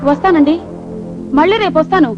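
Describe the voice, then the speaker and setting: A woman playing a brazen past-life wife, rapid and insistent. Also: high-pitched, fairly even intonation, music in the background, close to an everyday voice. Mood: insistent, coy. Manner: rapid, insistent, flirtatiously familiar. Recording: noisy lo-fi film soundtrack.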